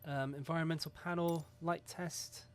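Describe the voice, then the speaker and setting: A flight simulator host with a fairly high, level-toned voice talks at a moderate pace, with a slight hiss or hum audible. He rambles casually through his pre-flight checklist, dropping the occasional curse and poking fun at himself.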